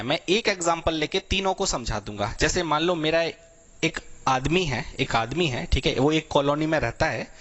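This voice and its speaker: A man's voice: fairly high pitch, a bit bright. A young man teaching vocabulary to exam students, explaining step by step with everyday examples and a constant "okay" between points. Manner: explanatory, repeats "thik hai" constantly, tells everyday examples.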